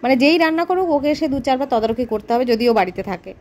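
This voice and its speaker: A woman's voice: high voice, animated, rapid-fire. A woman, chatting to the camera about her household routine in a casual vlog. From West Bengal, India. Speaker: lifestyle vlogger. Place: family home, indoors and on the road. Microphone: handheld phone camera. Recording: home recording with loud background noise.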